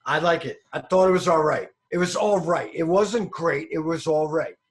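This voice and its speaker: A man's voice: fairly high pitch, moderate pace. A man co-hosting a casual podcast chat about movie trailers, emphatic and swearing freely. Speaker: podcast co-host.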